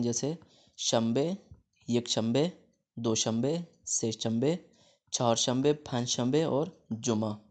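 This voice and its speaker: Pakistani urdu guy teaching persian vocab, says each word up loud then explains it softer, mid-pitched voice. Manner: reads each word aloud louder, then explains it more quietly. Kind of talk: classroom-style lesson explaining vocabulary.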